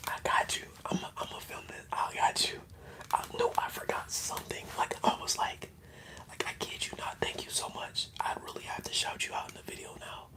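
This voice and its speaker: Chatting casually on a livestream, an ASMR streamer rambles in slangy, fairly quick whispers that are mostly unvoiced. The recording sounds rough.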